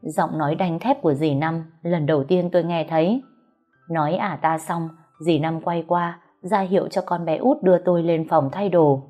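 Woman, story narration, lowish pitch, steady, faint background music. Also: normal speed. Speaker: audiobook narrator.

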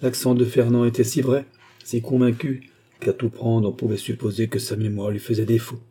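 A man narrating a classic novel as an audiobook in a steady, dramatic storytelling manner. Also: mid-range voice, moderate pace, slightly rough. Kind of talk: scripted narration.

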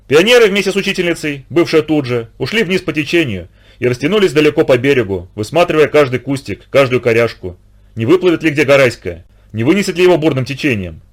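A man reading a story aloud in a steady, expressive audiobook narration. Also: mid-range voice.

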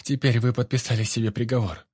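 A man's voice: on the high side, expressive, moderate pace, a little mellow, breathy edge, dry recording, clean studio sound, pitched above the performer's own voice. A man voicing a frightened but stubborn female scientist held hostage, with a strained, nasal voice. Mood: grim.

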